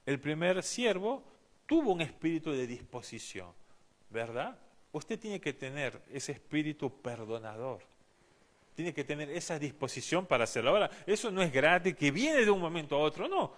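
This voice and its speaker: A man's voice: a little high, sing-song, normal speed, fairly bright tone. A man with an Argentine Spanish accent preaching a sermon as pastor, reading scripture aloud and asking the congregation questions.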